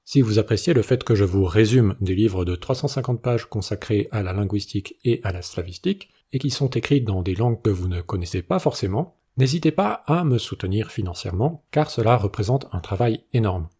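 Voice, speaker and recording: A man, the channel's host, reading a scripted educational narration in a measured, explanatory way. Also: lowish voice, lively intonation, mellow, breathy edge.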